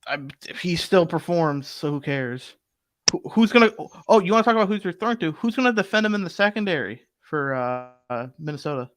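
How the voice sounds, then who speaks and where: A man's voice: on the high side, brisk. Argumentative young man debating football. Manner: animated, argumentative, rambling with fillers. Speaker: sports betting show co-host. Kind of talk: casual sports debate.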